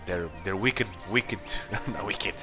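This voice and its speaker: Speaking low and slowly, a let's play host gives casual, improvised commentary on a game, hesitantly thinking aloud as he chooses his moves. Video game music and battle sounds play beneath him.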